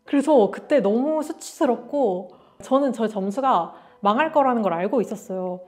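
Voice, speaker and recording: A young woman from Korea tells a personal story straight to camera in a relaxed vlog. Her voice sits a little high, and she slips into quick acted-out dialogue. Faint background music plays beneath her. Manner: animated, acts out dialogue in quotes. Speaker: vlogger.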